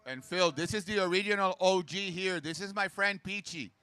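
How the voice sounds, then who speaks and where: Bright, crisp male surf announcer from Puerto Rico. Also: high voice, normal speed, no echo. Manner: informal, chatty, switches into Spanish for asides. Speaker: local surf contest co-host and announcer. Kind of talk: casual live commentary and chat.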